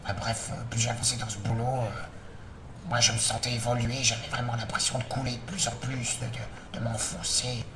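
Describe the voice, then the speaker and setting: A man giving an informal spoken testimony as an anonymous witness, in a hesitant, halting way. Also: medium pitch, flat delivery. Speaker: anonymous witness, former freelance worker. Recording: roomy echo, distant mic, clear background noise.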